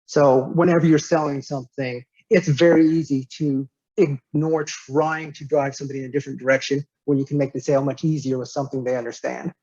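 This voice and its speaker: A man in his fifties from Nevada, giving an online business presentation as a guest speaker and company director, with measured pacing, frequent "uh" fillers and repeated words. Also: mid-range voice, flat delivery, mellow, no room sound, lo-fi sound. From United States, Nevada.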